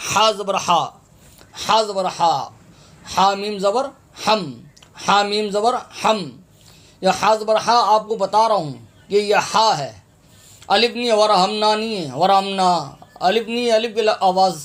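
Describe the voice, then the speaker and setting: A man's voice: high-pitched, fairly even intonation, pauses often, a bit bright. A man teaching recitation in a patient lesson, spelling out letters, repeating each word several times and earnestly urging listeners to read correctly. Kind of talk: tajweed lesson, spelling out and drawing out verses.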